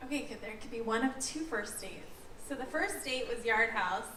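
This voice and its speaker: A woman contestant answers casually in a bright, slightly high voice. She sounds distant from the mic in an echoing venue. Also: moderate pace, slight background noise. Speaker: game show contestant. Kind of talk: unscripted answers on stage.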